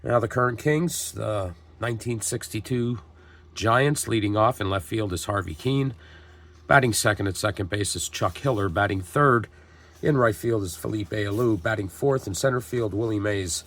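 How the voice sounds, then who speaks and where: Getting over a cold, a man runs a tabletop baseball dice game, giving steady play-by-play narration as he reads lineups and calls plays in broadcaster style. His voice is on the low side, at a moderate pace.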